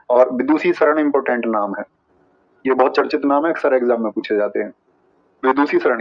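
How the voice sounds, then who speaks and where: A man's voice: medium pitch, lo-fi sound. A man teaching an online exam-prep class, chatty, with memory tricks and asides to staff.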